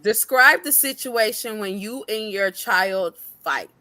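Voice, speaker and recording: Bright, dry-sounding playful woman co-host. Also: medium pitch, takes it slowly, dry recording. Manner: laughs often, playful, animated. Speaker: mother. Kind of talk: casual chat show.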